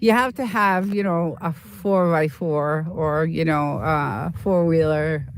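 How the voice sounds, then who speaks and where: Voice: mid-range voice, slow. A livestream host from Boston telling stories in casual, rambling chat with viewers, full of fillers and restarts. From Boston, United States. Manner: rambling, chatty, storytelling with many fillers.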